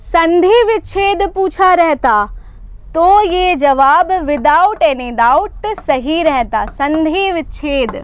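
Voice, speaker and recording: Teaching an exam-prep class live online, a young woman speaks very slowly and animatedly in a very high voice. She explains with patience, goes over points more than once, and keeps asking "isn't it?" as she goes.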